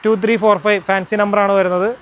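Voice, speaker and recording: A man's voice: sits high, flat delivery, a little fast, a little hiss or hum. A man with a Kerala accent hosting a casual used-car walkaround, asking short questions and repeating answers back. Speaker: car vlog host.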